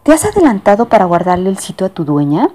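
A woman voicing a doting, fussy lady passenger in a storybook reading, with a high cooing manner. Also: sing-song, fast talker, mellow.

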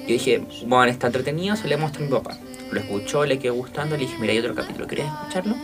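A man with a Chilean accent, chatting as podcast co-host and telling a story in a slangy, animated way. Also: mid-range voice, racing, over music. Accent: Chilean Spanish. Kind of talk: casual chat, storytelling.

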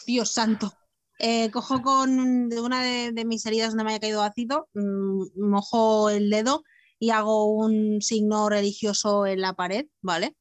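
A woman's voice: mid-range voice, level tone, unhurried, dry recording. A woman from playing a tabletop role-playing game, weary and swearing in character. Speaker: player.

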